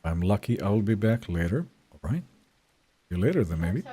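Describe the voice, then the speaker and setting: A young man with a low, mellow voice, relaxed and chatty as he streams a game live. His pitch rises and falls a lot while he answers his chat. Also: moderate pace, breathy edge. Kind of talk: live gameplay commentary.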